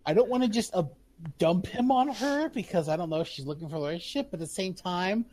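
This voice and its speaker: A woman's voice: on the low side, lively intonation, quick pace, warm tone. A woman playing a tabletop game, rambling and joking about her plans. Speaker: player. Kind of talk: casual chat.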